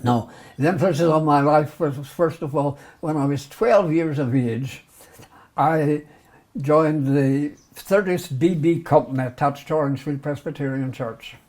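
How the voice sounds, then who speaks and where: The older Northern Irish retired doctor speaks at a measured pace in a darkish voice on the high side, with a Belfast accent. Looking back on his life for an interviewer, he's self-deprecating and breaks into chuckles often.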